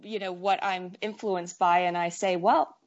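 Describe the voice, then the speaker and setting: In a muffled recording, a woman speaks in a lowish voice with a steady tone and measured pace. She's a needlework artist in her 40s with roots in Wales and western Canada, talking informally as an interview guest in halting, start-and-stop phrases.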